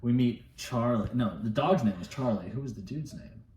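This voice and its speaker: A man's voice: medium pitch, moderate pace, darkish tone. Laid-back man, echoey and distant. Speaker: vlog co-host. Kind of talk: casual storytelling. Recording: echoey room, distant mic, faint hiss.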